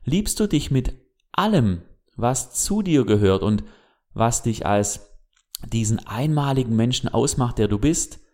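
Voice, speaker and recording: A man giving a reflective motivational monologue as a self-help speaker, who speaks to the listener directly with gentle questions. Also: medium pitch, animated, a little slow.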